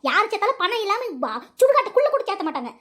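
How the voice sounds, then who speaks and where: Cartoon mother, as a performer voices her, greedy, domineering, scolding, very high-pitched, rapid. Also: big pitch swings, a bit bright, full character voice. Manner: scolding, bossy, colloquial. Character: domineering money-minded middle-aged mother. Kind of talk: cartoon voice acting.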